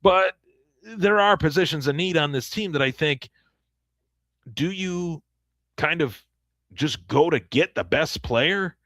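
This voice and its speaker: A man's voice: fairly high pitch, takes it slowly, pauses often, a bit bright, no echo. A man hosting a solo sports podcast, giving enthusiastic, opinionated commentary and often repeating words as he restarts.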